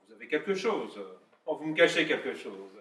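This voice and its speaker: A man's voice: on the high side, sing-song, a little fast, a bit bright. An actor playing a gushing, anxious male lover who stammers and pleads effusively. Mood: anxious pleading. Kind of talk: stage comedy acting. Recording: echoey room from far off, faint hiss.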